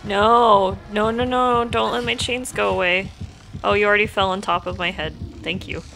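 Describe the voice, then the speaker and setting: A woman's voice: medium pitch, fairly even intonation, moderate pace, vocal fry, bright, forceful tone, a little hiss or hum. A woman streaming a video game, talking to herself through the match in blunt, profane commentary. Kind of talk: live gameplay commentary.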